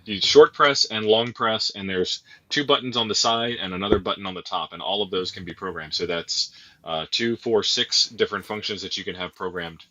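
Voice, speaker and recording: A man's voice: fairly low pitch, moderate pace, sharp tone, lo-fi sound. A man on a live stream answering viewer questions about ham radio gear in an explanatory way.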